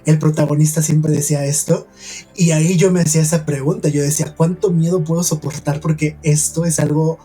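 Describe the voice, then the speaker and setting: A man with a Mexican accent tells his own eerie experience on a podcast, speaking earnestly and quietly and circling back with fillers. His voice sits a little high but sounds dark and mellow. Soft music plays faintly behind him. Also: level tone, a little fast, breathy edge. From Mexico, San Luis Potosí. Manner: earnest, hushed storytelling with many "o sea" fillers. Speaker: podcast host telling a personal paranormal story. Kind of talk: podcast storytelling conversation.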